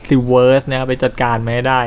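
A man's voice: mid-range voice, completely flat delivery, fast talker, clean tone. A man casually narrating his gameplay, chatty and loose, dropping coarse slang and mild swears. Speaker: gameplay commentator. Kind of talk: casual let's-play commentary.

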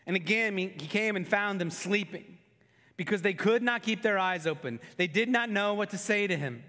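A male pastor preaching in a church, his voice sitting high for a man. He retells scripture in casual, everyday phrasing, rising to intense pleading and dropping to a hushed near-whisper. The sound carries a long reverb from the church hall. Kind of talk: sermon. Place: church sanctuary.

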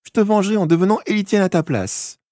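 A man voicing a tearful, spiteful little sister in an audiobook, stammering in a very high voice. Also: animated, fast, warm tone, no room sound, studio quality. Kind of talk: audiobook character voice.

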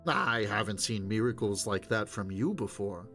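A man voicing a brisk, bossy young wife who scolds her husband. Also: fairly low pitch, soft background music. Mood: scolding. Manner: sharp, scolding, exasperated.

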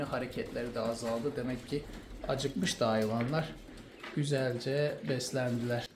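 A man from Turkey showing his quails in a casual vlog, talking fondly and soothingly to the birds. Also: a little high. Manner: fond, soothing, talks to the birds. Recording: noisy with bird sounds. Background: cooing birds, pigeons.

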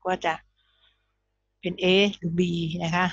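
A woman teaching young pupils English, slowly spelling out words letter by letter and repeating them patiently. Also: no echo, lo-fi sound. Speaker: primary school English teacher.

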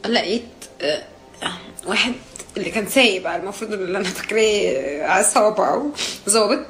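A young woman from Jordan telling a personal account in a distressed, agitated way, halting and restarting as she talks. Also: mid-range voice, animated, a bit bright.

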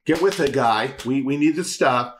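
A man's voice: deep voice, normal speed, vocal fry, pitched below the performer's own voice. A man voicing desperate male pagan priests who demand and plead with their god.

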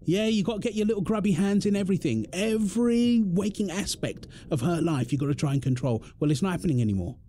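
This audio roleplay voice actor, a man, voices an exasperated British husband confronting his overbearing mother-in-law in an ASMR drama monologue. Angry and fed up, he sounds indignant, emphatic and confrontational, his pitch swooping as he talks. The delivery is animated and quick with hardly any pauses, the tone warm, with a slight hiss or hum in the audio.

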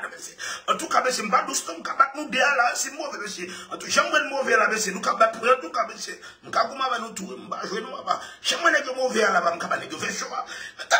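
A man talking excitedly in casual speech, laughing often and repeating his phrases. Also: high-pitched. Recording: echoey room, far from mic.

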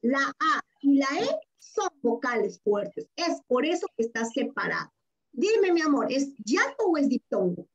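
A high-pitched, sing-song, unhurried voice belongs to a Peruvian woman teaching young primary pupils over a video call, whose audio is dull and lo-fi. Speaking with a Peruvian Spanish accent, she coaxes answers with questions and repeats key words, patient and affectionate throughout.

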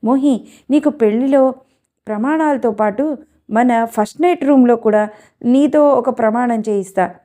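A woman's voice: fairly high pitch, unhurried, pauses often, mellow, natural voice. A woman reading the part of a young woman who earnestly speaks about the father who left her. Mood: teasing.

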